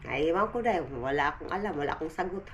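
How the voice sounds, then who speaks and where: A woman's voice: sits low, expressive, fast talker, a little hiss or hum. A woman, a mother, chatting casually to her vlog viewers at home and mixing in English words. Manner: chatty, mixes Tagalog with English, often says "day". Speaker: vlogger and mother. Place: home, porch and yard outdoors.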